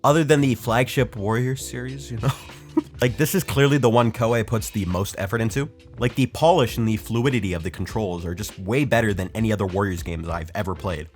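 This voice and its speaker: A man's voice: lowish voice, fairly quick, soft background music. A young man hosting a casual game review, rambling and self-mocking with lots of fillers. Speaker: host.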